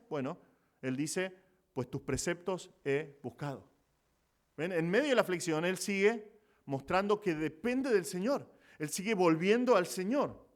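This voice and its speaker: A man with a Rioplatense Argentine accent preaching a church sermon, explaining scripture and rising to emphatic exclamations. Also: fairly high pitch. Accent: Rioplatense Spanish. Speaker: pastor.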